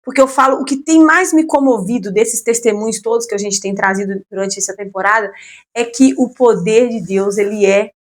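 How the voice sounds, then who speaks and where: A woman's voice: mid-range voice, brisk. A woman with a Brazilian Portuguese accent hosting an interview, who often answers her guest with short words of agreement and encouragement. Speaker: host.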